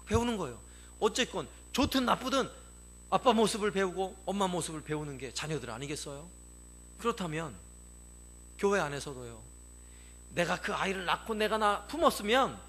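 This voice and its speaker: A man's voice: sits high, sharp tone, husky. A male pastor preaching a sermon, emphatic, repeating key phrases and putting questions to the congregation.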